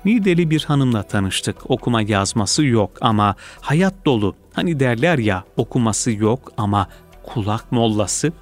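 A man reads a personal essay aloud in a calm, measured, reflective manner. His voice sits at an ordinary middle pitch. Soft music plays faintly underneath. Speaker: reader.

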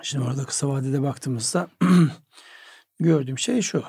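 Mellow-voiced man asking pointed questions. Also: mid-range voice, measured pace, breathy edge, no echo, studio quality. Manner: probing, pushes back with pointed questions. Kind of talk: analytical discussion.

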